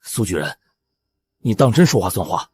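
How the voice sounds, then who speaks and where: An actor playing a desperate, starving village ruffian who talks bluntly and roughly. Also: male voice, on the low side, big pitch swings, moderate pace, a little mellow, dry recording, full character voice.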